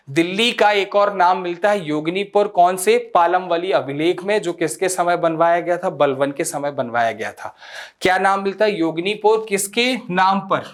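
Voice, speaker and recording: A man's voice: high voice, fairly bright tone. A man teaching a history lesson for an exam coaching course, asking questions and answering them himself and repeating key facts for students to memorize.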